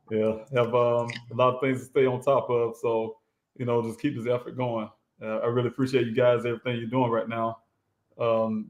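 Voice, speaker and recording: A man speaking as a guest over a remote call that sounds like an echoing tunnel, talking in a halting way with many fillers. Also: medium pitch, a little mellow. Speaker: guest, father seeking missing son. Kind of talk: casual call-in chat. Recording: echoey remote call audio.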